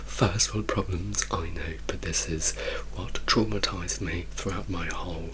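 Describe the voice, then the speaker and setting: Male, hushed whispery ASMR voice, low-pitched, crisp high end, unhurried rambling storytelling. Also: steady tone, slight background noise, poor audio. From Italy. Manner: unhurried, rambling, emphatic repetition. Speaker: ASMR creator telling personal stories. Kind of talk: soft-spoken ASMR ramble.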